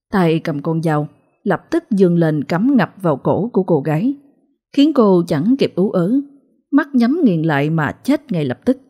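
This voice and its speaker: A woman narrating a ghost story in a steady, dramatic way. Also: on the low side, slightly rough.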